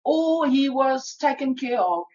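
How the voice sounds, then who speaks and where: A woman's voice: high voice, expressive, measured pace, darkish tone. A woman co-hosting a podcast, chatting casually and thinking aloud with hesitant restarts. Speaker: podcast co-host. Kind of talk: casual chat. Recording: dull lo-fi sound with faint noise.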